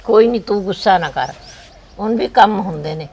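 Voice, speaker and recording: An older woman playing a frail, loving village grandmother who gently consoles her daughter in a family drama. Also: mid-range voice, lively intonation, fairly quick, breathy edge. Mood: consoling.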